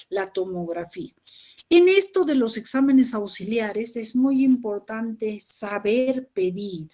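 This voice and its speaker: A woman's voice: mid-range voice, a little mellow. A woman giving a recorded medical lecture, explaining patiently to students and often checking in with rhetorical questions.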